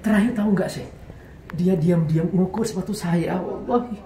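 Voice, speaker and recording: A man telling heartfelt stories as a guest, animated, his voice rising high when he is moved. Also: normal speed, recorded from a distance, slight background noise. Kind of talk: emotional storytelling. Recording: echoey room, off the mic.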